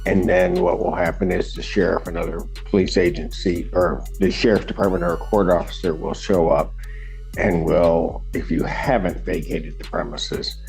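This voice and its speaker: A man's voice: low-pitched, fairly even intonation, normal speed, vocal fry, a little mellow, soft background music. A man serving as judge, patiently explaining a ruling step by step in a courtroom recording. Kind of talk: courtroom proceedings.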